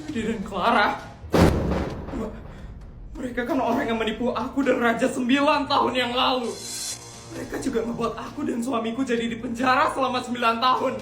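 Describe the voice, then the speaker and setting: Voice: mid-range voice, steady tone, a little fast, a bit bright, close to an everyday voice. A performer voicing a rich, bossy mother who gives orders in an agitated voice, in a comedy skit. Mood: worried. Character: rich, fussy mother of a schoolgirl. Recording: roomy with music behind.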